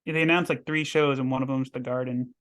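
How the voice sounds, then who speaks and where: A man co-hosts a podcast while losing his voice, so he sounds hoarse. He talks bluntly and swears freely. His pitch stays flat and even. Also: quick pace. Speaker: podcast co-host. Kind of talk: casual chat.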